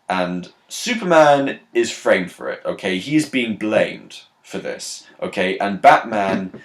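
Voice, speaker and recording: A man's voice: lowish voice, expressive, takes it slowly. Blunt man ranting about a film. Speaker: film reviewer. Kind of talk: casual film review rant.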